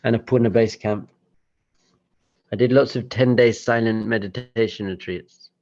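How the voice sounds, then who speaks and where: A man with a low, gravelly voice gives a motivational talk with slides, chatty and self-deprecating. He often breaks into little acted-out voices. The recording is dull and lo-fi. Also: steady tone, moderate pace, darkish tone. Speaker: rabbi giving a talk.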